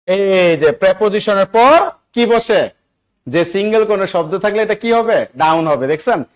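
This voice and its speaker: Coaxing Bangladeshi grammar teacher, higher voice. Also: male voice, animated, moderate pace. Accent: Bangladeshi Bengali. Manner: coaxing, repeats questions and checks understanding often. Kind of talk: live online exam-prep class.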